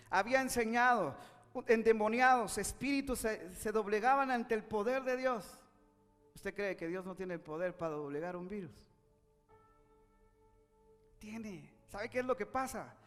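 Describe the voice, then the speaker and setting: Man, preacher, sermon, very high voice, shifting intensity, long hall echo. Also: a bit bright. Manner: retells scripture with acted quotes, rising and dropping in intensity.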